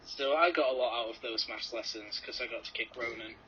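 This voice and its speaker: A man's voice: medium pitch, quick pace, sharp tone, a little hiss or hum. A young man co-hosting a podcast in casual chat, joking and teasing his friends, swearing now and then. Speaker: podcast co-host. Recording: dull lo-fi podcast recording.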